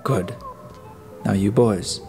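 A man reading the part of a hard-edged, suspicious detective from Earth. He presses with pointed questions and snaps out orders in a low, firm voice. Soft music sits behind. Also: slow pace, gravelly. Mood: commanding suspicious. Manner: blunt, commanding, probing.

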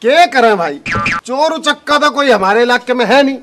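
An actor playing a boastful, bossy and corrupt village police inspector in a comic sketch. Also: male voice, very high voice, animated, moderate pace. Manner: boastful, bossy, then wheedling when caught.

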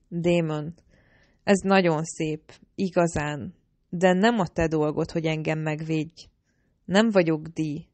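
Egy nő, aki élénken, kifejezően olvas fel egy hangoskönyvet egyes szám első személyben. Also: female voice, low-pitched, darkish tone, dry recording. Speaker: audiobook narrator. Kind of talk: first-person audiobook narration.

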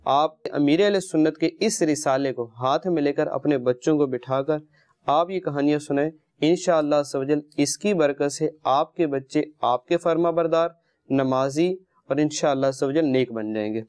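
Among children on a studio carpet, the host of a kids' programme recounts religious tales and moral lessons in a didactic way, turning to his listeners with questions and pet phrases. The recording is dry and studio quality, and his voice is a little high and a little mellow.

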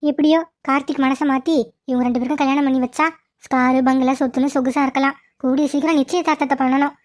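A woman's voice: sits high, fairly even intonation, fast talker, lightly acted. A woman voicing a greedy, scheming middle-aged mother-in-law in a cartoon, with a bossy, scolding manner. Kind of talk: cartoon voice acting.

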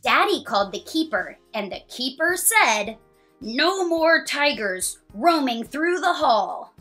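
Faint music sits behind this high-voiced woman in her thirties as she reads a kids' picture book aloud. Her reading is lively and sing-song, with elongated lines and counting along.

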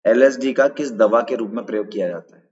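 Husky male quiz teacher, echoey lo-fi. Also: lowish voice, brisk, a little mellow. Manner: explains step by step, keeps checking in with "ठीक है ना"; greets viewers in chat and asks for answers. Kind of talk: live online exam-prep lesson. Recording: dull, lo-fi sound with long reverb.

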